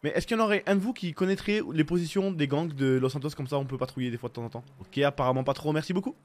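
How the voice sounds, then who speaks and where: A man streaming a police role-play game, joking and excitable as a rookie cadet. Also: fairly high pitch, rapid-fire. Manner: excitable, joking, laughs a lot.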